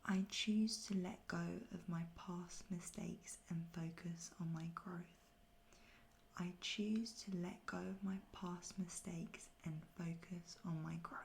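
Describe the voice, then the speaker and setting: Woman's whispered pep talk, creaky and even. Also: lowish voice, slight background noise. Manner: soft, breathy near-whisper; slow, repeated phrases with pauses. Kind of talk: whispered pep talk, ASMR self-forgiveness affirmations.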